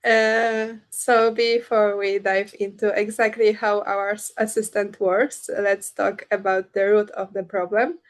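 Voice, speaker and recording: A woman's voice: mid-range voice, level tone, unhurried, few pauses. Young woman presenting a student project. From Poland. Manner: reads a prepared script with fillers. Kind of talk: prepared presentation. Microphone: video call.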